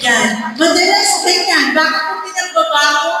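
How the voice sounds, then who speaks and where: A middle-aged Filipino woman giving a lively personal talk to a church group, teasing and asking the audience questions. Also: very high-pitched, normal speed, music in the background. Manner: mixes in English words, teasing, asks the audience questions. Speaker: speaker at a marriage encounter gathering. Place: parish hall. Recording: echoey hall, from far off, faint background noise.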